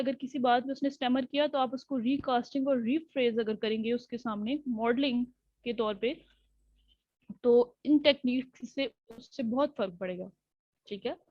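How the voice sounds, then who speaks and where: High-pitched woman lecturing on speech therapy, lots of "okay?" checks, dry dull webinar sound. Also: no room sound. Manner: explanatory, many fillers and "ठीक है" checks; code-switches English terms into speech. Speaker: speech pathologist.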